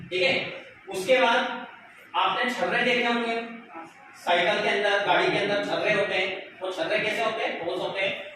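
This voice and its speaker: With a high, bright, forceful voice, a male math teacher leads a class lesson, throwing out questions to the pupils and answering them on his own. The recording comes from far off in an echoey, noisy space.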